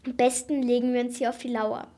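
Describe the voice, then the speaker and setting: A woman's voice: a little high, flat delivery, quick pace, dark tone, lightly acted. A woman voicing a clever, determined young girl who is investigating a ghost in a storybook. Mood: eager.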